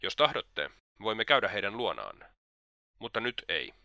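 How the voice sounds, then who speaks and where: A man's voice: on the low side, big pitch swings, pushed and bright, dry recording, studio quality, heavily acted. A man voicing Svidrigailov, a sly, mocking old libertine who is slightly drunk.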